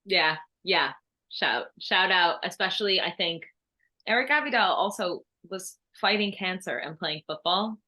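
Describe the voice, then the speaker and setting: A young woman co-hosting a football podcast, lively and quick to laugh. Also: lowish voice. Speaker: podcast co-host. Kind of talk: casual football debate.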